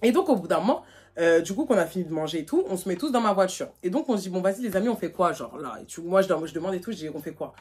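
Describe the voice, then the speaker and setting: A young woman from France, telling a casual storytime to her vlog audience in animated, slangy talk full of fillers. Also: fairly low pitch, quick pace, slightly rough, faint music behind. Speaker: vlogger. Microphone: phone.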